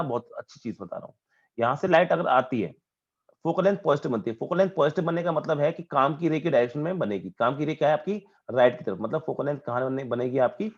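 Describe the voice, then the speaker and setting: A man's voice: a little high, breathy edge, muffled recording. A man teaching a physics class online, asking questions and answering them himself and repeating key points for emphasis. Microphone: video call.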